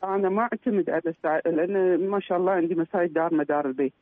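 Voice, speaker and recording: A woman calls in over a dry, tinny phone line. She speaks quickly and fairly high, halting and stumbling over words as she recounts what happened. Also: no room sound. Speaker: caller.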